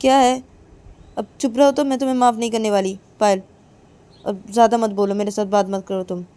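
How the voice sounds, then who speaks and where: A woman's voice: medium pitch, steady tone, fairly quick, warm tone, lightly acted. A woman voicing Ananya, a young woman who speaks curtly and sternly to her girlfriend in a told story. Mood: sulky. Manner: curt, stern.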